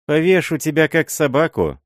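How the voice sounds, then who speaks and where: A man's voice: a little high, big pitch swings, normal speed, no echo, clean studio sound, pitched above the performer's own voice. A man voicing a haughty, threatening nobleman who speaks curtly in an audiobook. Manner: curt, threatening.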